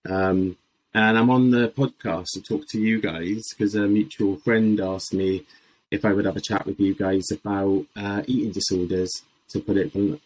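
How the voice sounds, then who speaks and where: A man's voice: fairly low pitch, a little mellow, rough recording. A man from South Wales. He talks in a casual, chatty way as a podcast guest, wandering off into asides. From Swansea, Wales, and Botswana. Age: 40s. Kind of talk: casual conversational interview.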